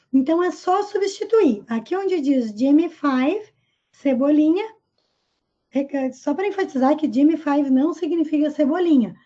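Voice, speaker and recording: A woman teaching English vocabulary and pronunciation, explaining a comic strip slowly and clearly. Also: high voice, warm tone, dull audio. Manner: slow, careful pronunciation of English examples.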